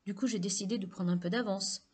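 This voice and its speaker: An earnest teenage football boy, read by a woman narrator, speaking plainly and a touch defensively. The voice stays close to the reader's own middle pitch, a storybook figure rather than a full character voice. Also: steady tone, fast talker, a little mellow, husky, close to an everyday voice. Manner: matter-of-fact, slightly defensive.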